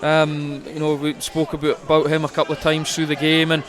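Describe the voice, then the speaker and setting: At a rugby stadium, a man co-commentates live, offering conversational analysis and assembling his thoughts as he speaks. His voice is fairly high, monotone, and brisk, with stadium crowd noise behind the outdoor commentary.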